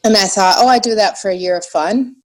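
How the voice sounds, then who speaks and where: An American woman with a slight German accent, chatting casually and haltingly in an interview, often restarting her sentences. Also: mid-range voice. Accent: American with a slight German influence. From United States. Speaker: podcast guest, small shop owner.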